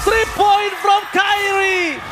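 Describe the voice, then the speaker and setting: High-pitched, shouting Indonesian esports announcer man. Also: little pitch movement, over a noisy crowd. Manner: hype fighting-game announcer, shouting at peaks with drawn-out calls. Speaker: esports play-by-play commentator. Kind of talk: live esports match commentary. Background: loud music.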